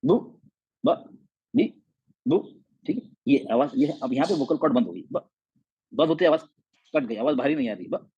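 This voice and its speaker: A man's voice: mid-range voice, fast, darkish tone, breathy edge, dry recording, highs cut off. Male tajweed teacher demonstrating letter sounds. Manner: checks in often with "okay?" and "theek hai?". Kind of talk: classroom explanation with drawn diagrams.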